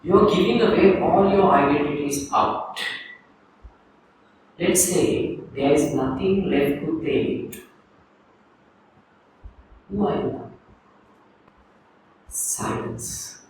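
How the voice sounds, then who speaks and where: A Sri Lankan man, a Buddhist monk, giving a calm dharma talk to a group and leading a guided reflection. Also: fairly high pitch, slow, long pauses. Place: teaching hall in Sri Lanka. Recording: echoey room, distant mic, faint noise.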